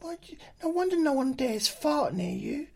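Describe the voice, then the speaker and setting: Ogre's wife, shrill henpecking falsetto, lively swoops. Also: male voice, moderate pace, gravelly, heavily acted. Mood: exasperated nagging. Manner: ranting, ad-libbed complaints in falsetto. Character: nagging old ogre's wife, shrill and scolding.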